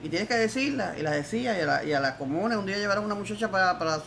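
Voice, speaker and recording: A woman's voice: mid-range voice, animated, rapid-fire, creaky, fairly bright tone, a little hiss or hum. An older woman with a Cuban accent giving an emphatic, defiant testimony in an interview. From Cuba. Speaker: interviewee, former political prisoner.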